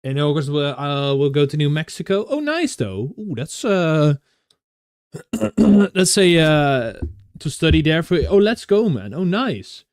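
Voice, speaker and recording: A man's voice: on the high side, very animated, unhurried, darkish tone, no room sound, clean studio sound. A young Dutch man with a Dutch accent, chatting casually with viewers, often laughing and restarting his sentences. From Netherlands. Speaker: streamer.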